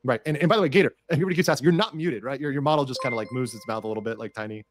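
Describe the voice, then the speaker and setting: Male commentator, mid pitch, brisk, informal explainer, keeps seeking agreement. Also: no echo. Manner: checks in with "right?" often. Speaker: lawyer commentator. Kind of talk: casual explanatory live commentary.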